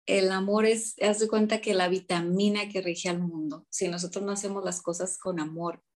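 Female guest, mid-pitched, lively storyteller who acts out quotes. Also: moderate pace. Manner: animated storyteller acting out quotes. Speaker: guest, teacher. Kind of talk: casual interview storytelling. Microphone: remote call from abroad.

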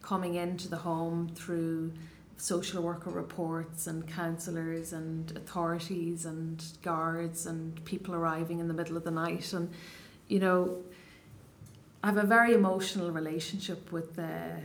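Speaking unhurriedly in a lowish voice with little pitch movement, a woman in her thirties answers an interviewer's questions. The poet, from Ireland's Donegal Gaeltacht, has a Donegal Irish accent and a thoughtful, halting manner full of restarts, with a little hiss or hum in the recording.

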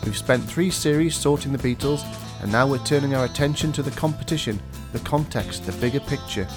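A male podcast host with a mid-range voice talks fairly quickly over background music, his nose blocked from a cold. He's chatty and self-deprecating in this casual podcast chat that opens with a scripted intro.

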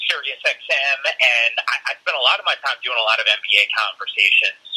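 A man's voice: lowish voice, bright, forceful tone, slightly rough, low-quality recording. A man from New Jersey, a sports broadcaster calling in as a guest from his car, heard over a speakerphone call and chatting in an easygoing, rambling way. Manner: easygoing, rambling, with filler words. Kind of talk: casual phone interview chat. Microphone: cell phone on speakerphone.

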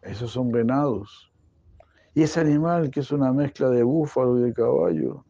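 A man's voice: medium pitch, expressive, normal speed, creaky, warm tone, no room sound, muffled recording. A man voicing a patient mother explaining animal names to her child.

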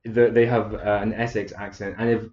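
A man's voice: lowish voice, flat delivery, fairly quick, a little mellow. A man hosting a podcast in casual chat, telling stories with stammering restarts and frequent laughter. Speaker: podcast host. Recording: echoey, dull lo-fi room.

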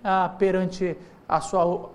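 A man's voice: high voice, flat delivery, extremely slow. A man preaching a sermon as pastor, telling humorous stories in a loose, conversational way and acting out the people he quotes. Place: church hall.

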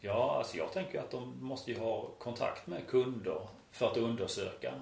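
A man in casual conversation who tells relaxed anecdotes and uses frequent hesitation fillers. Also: mid-range voice, gravelly. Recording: roomy echo.

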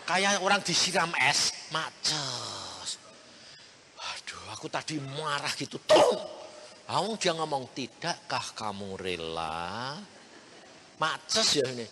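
A man, preaching a storytelling sermon, animated and acting out the people in his story while speaking to his listeners directly. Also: on the high side, slow, creaky. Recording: reverberant hall with faint ambient noise.

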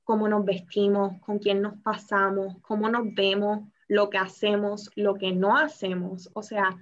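A woman's voice: medium pitch, level tone, unhurried. A woman hosting a podcast, responding with affirming remarks and reflecting on the topic. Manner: warm affirming interjections, reflective. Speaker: host. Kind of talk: podcast conversation. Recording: slightly dull podcast audio.

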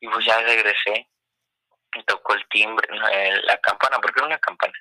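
A young man with a Mexican accent tells a story with lots of energy. He swears and does the voices of the people in it, and his lower voice has a very bright, sharp edge. It is recorded close and dry, with no room sound. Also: fairly quick, dry recording, rough recording. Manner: animated, swearing, acts out quoted voices. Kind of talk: casual storytelling.

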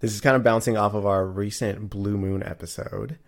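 A man's voice: fairly low pitch, steady tone, normal speed. A man hosting a podcast, asking rambling questions with lots of fillers. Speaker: podcast host. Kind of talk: casual podcast interview.

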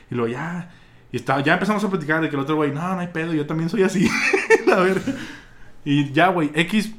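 It's casual storytelling among friends: a young Mexican Spanish-accented man with a slightly high voice for a man recounts events in loose, chatty fashion. He's vulgar and full of slang, acting out scenes and laughing as he goes.

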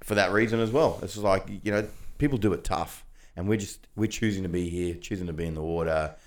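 Deep aussie host guy, jokey, chatting with mates on a podcast. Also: a little fast. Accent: Australian. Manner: joking, matey banter. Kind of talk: casual podcast chat.

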